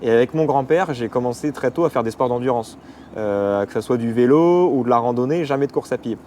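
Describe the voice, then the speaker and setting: Young man from the Paris region, quick casual guest talk full of fillers, faint noise behind. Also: mid-range voice, mellow. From Paris region, France. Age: 20s. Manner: rapid, hesitant with many fillers. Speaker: athlete guest. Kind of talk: casual interview.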